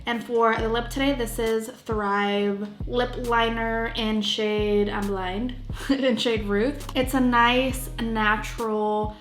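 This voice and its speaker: A woman's voice: fairly high pitch, fairly even intonation, slow, soft background music. Chatty woman, echoey room. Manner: chatty and playful, trails off mid-sentence. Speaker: beauty vlogger. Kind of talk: casual makeup tutorial chat.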